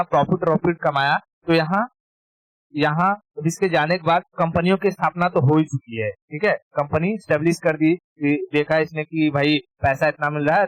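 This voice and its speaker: A man's voice: fairly high pitch, no room sound, low-quality recording. A man teaching history in a casual exam-prep lecture, informal, repeating key terms and checking that students follow.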